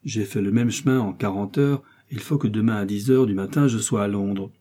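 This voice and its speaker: A man's voice: lowish voice, mellow, natural voice. A man reading an audiobook and voicing a bold, hot-headed young male swordsman who talks brashly and defiantly. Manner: brash, defiant and quick-tempered. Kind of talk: audiobook character voice.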